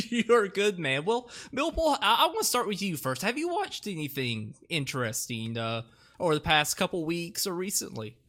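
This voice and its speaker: A man's voice: high-pitched, very animated, normal speed, sharp tone. A young man hosting a casual podcast, rambling with lots of fillers and laughing often. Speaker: podcast host. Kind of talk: casual chat.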